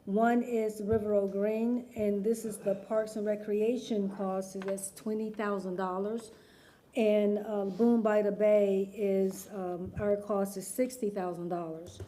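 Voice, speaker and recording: A woman's voice: medium pitch, little pitch movement, measured pace, dark tone, slight background noise. A woman who is a city department administrator, answering council questions in a tired, sleepy-sounding way. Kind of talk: answering questions at a public hearing.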